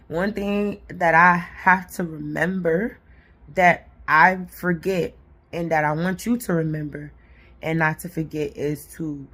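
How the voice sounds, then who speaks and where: A woman and mother with a raspy voice, giving a blunt, profane, encouraging talk to her viewers. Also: on the low side, fairly bright tone. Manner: blunt, profane and encouraging, says "y'all" and "honey". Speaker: vlogger and mother. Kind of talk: casual motivational talk to camera.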